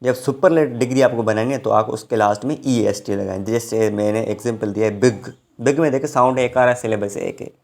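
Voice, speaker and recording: A man's voice: lowish voice, gravelly, a little mellow. A man teaching English grammar in a recorded online lecture, explaining step by step and often checking in with his students. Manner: explains slowly, with frequent check-ins.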